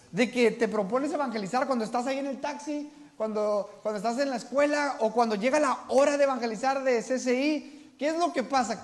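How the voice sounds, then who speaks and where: Animated man teaching a church workshop. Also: high-pitched. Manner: asks the audience questions and repeats their answers; animated, swings between loud and soft.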